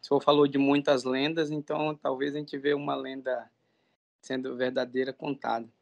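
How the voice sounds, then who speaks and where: A man's voice: medium pitch, level tone, normal speed, vocal fry. A man in a meeting giving friendly, hesitant comments and telling an anecdote. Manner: friendly, hesitant, many fillers. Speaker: meeting participant.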